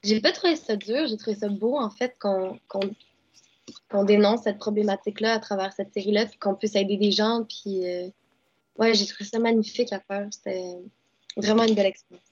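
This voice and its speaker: In a casual interview, a young actress and dubbing artist with a Québécois accent speaks at normal speed in a steady, medium-pitched, slightly mellow voice. She uses lots of fillers and restarts, and the recording sounds dull and lo-fi.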